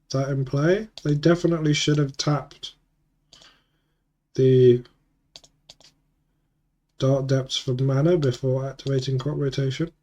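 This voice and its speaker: A man with a cold and a sore throat mutters casual play-by-play as he plays an online card game, thinking aloud and correcting himself. His voice is medium-pitched with a dark tone, and the audio is dull.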